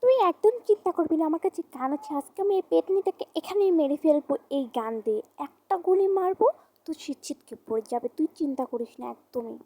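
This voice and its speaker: A woman's voice: high-pitched, expressive, brisk, dark tone. A woman playing a brash, reassuring young woman in an amateur horror audio drama. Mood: bold. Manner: brash, teasing.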